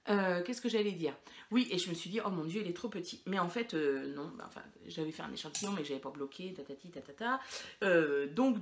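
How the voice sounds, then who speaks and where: A woman hosting a knitting podcast, chatting casually and rambling with many fillers and restarts. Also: fairly low pitch. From France. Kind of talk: casual chat to camera.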